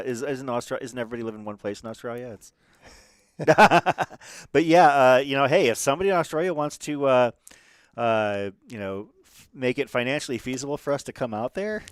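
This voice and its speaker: A man's voice: mid-range voice, no room sound, studio quality. A man doing casual live commentary on a race stream, chatty and rambling, with lots of fillers and restarts.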